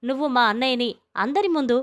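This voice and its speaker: A woman's voice: sits high, fast talker, fairly bright tone. A woman reading as a scornful younger brother. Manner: scornful, accusing.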